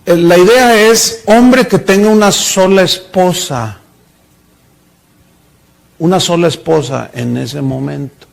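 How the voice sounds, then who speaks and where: A man's voice: high voice, takes it slowly, vocal fry, long pauses. A middle-aged male pastor preaching a sermon, telling stories and acting out the voices in them. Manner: storytelling preacher, acts out voices in anecdotes.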